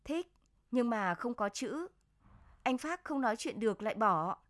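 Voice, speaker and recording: A woman reading the lines of a shy, caring young village girl in a storybook, with soft, plain talk. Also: fairly high pitch, expressive, a little slow, no echo. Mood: coaxing.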